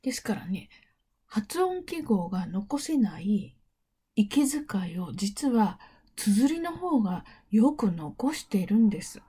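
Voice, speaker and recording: Mellow husky woman teaching calmly. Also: medium pitch, slow. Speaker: English interpreting teacher. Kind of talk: explanatory lecture.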